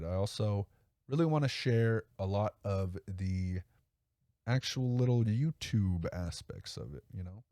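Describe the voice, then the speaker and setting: Male podcast host with a low, mellow voice, dry sound; rambles and corrects himself, upbeat. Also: dry recording. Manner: rambling, self-correcting, enthusiastic. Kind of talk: casual solo podcast talk.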